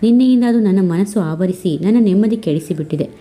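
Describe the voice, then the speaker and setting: A woman's voice: mid-range voice, fairly quick, warm tone, lightly acted. A woman voicing a shy, nervous young man who talks hesitantly and apologetically. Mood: anxious.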